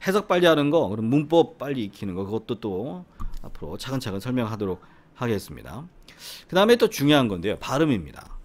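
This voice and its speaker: This is a middle-aged Korean man from the Gyeongsang region, explaining English study at a relaxed teaching pace. His pitch rises and falls in lively swings. He keeps asking the listener to agree, repeats words for emphasis and now and then drops into a near whisper. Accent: Korean with Gyeongsang roots. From Gyeongsang region, South Korea. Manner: conversational, often seeking agreement with the listener. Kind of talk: explanatory lecture.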